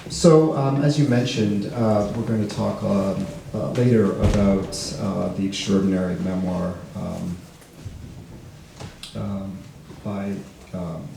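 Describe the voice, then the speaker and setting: A man moderating a book event, halting and hesitant, with frequent ums and uhs. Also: on the low side, fairly even intonation, gravelly, dark tone, slight background noise. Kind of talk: hesitant introductory remarks. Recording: echoey room, voice far from the mic.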